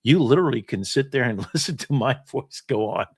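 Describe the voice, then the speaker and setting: A man's voice: medium pitch, lively intonation, a little fast, a little mellow, slightly rough, no room sound, clean studio sound. A man hosting a casual live stream, talking animatedly and laughing often. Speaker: host. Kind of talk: casual livestream chat.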